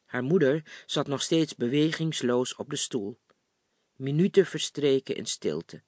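A man calmly reading a novel chapter aloud in a measured audiobook style. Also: mid-range voice, no room sound, studio quality. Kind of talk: audiobook narration.

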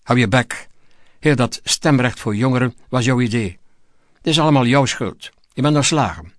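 A raging president from a storybook, barking insults at his staff as a male reader puts him on. The voice sits in an ordinary middle pitch and snarls through clenched teeth. The sound is dry and close, with no room around it. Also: normal speed, no echo, lightly acted. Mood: furious. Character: furious raging male president, bullying and foul-mouthed.

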